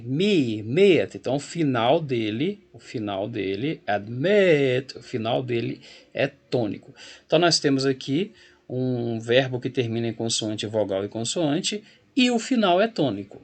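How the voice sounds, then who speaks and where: A man's voice: medium pitch, lively intonation, moderate pace. A man teaching an English grammar lesson to school students, explaining patiently and repeating key points to reassure them.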